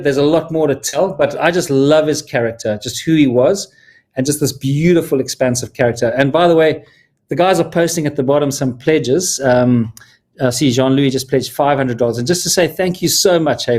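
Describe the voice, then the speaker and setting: Talking casually on his live stream, a man from Zimbabwe who works as a film producer sounds heartfelt and earnest. His mid-range voice is a little mellow, and he restarts himself in small ways now and then.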